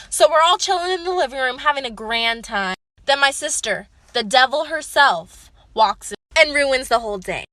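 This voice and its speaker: A young woman telling a casual story-time monologue, lively and emphatic and swearing freely. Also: high-pitched, no room sound, studio quality.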